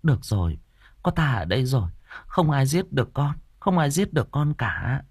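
A man's voice: mid-range voice, very animated, moderate pace, darkish tone, husky, dry recording, studio quality, pitched above the performer's own voice. A man voicing an anxious, motherly older woman who soothes and presses with questions in a storybook reading. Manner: soothing, then urgent questioning.

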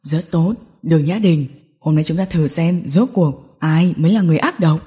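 A woman's voice: deep voice, normal speed, warm tone, big-room sound, voice pushed down, natural voice. A woman voicing a bitter, vengeful young businessman in an audiobook drama, talking coldly through clenched teeth. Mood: cold, seething.

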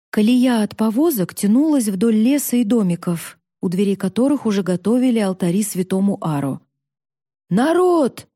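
A woman narrating a fantasy story in a steady, measured storytelling voice. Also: on the high side, no room sound, clean studio sound. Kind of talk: expressive fantasy audiobook reading.

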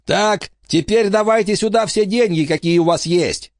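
Male narrator doing a jumpy young bandit, shrill, screaming, dry read. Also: moderate pace, no echo, natural voice. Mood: threatening. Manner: hysterical yelling.

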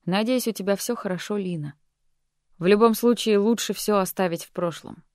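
A woman voicing a calm, condescending man who was once the heroine's lover and teacher, speaking softly and patronizingly. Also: mid-range voice, normal speed, dry recording, clean studio sound, lightly acted. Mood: concerned. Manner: soft-spoken, patronizing.

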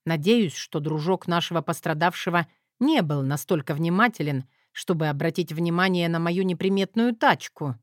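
A woman reading an audiobook in a steady first-person narration. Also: lowish voice, normal speed, hardly any pauses, dry recording, clean studio sound. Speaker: audiobook reader.

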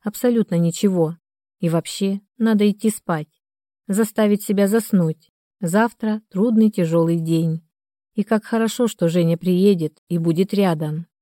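A woman narrating a novel as an audiobook in a calm, measured way. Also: medium pitch, dry recording, clean studio sound. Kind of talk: scripted narration.

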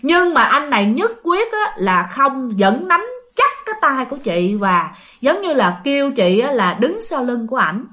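A woman with a Southern Vietnamese accent tells a ghost story in a casual, chatty way, turning often to her listeners. Her voice sits high and bright, with lively swings in pitch. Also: normal speed. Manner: chatty, addresses listeners directly.

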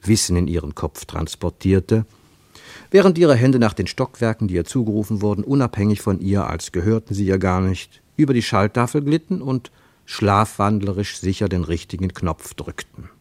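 A man narrating a radio drama expressively, with an animated storyteller's delivery. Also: fairly low pitch, moderate pace, dry recording.

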